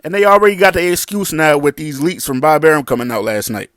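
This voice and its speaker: A man's voice: on the high side, fast, fairly bright tone, no echo, clean studio sound. A man giving casual boxing commentary in a blunt, slangy, combative way.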